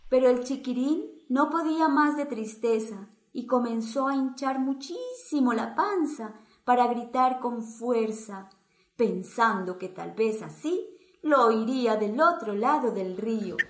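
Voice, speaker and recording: A woman narrating a storybook tale in an expressive, animated reading, in an echoey room. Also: fairly high pitch, unhurried. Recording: echoey room with faint ambience.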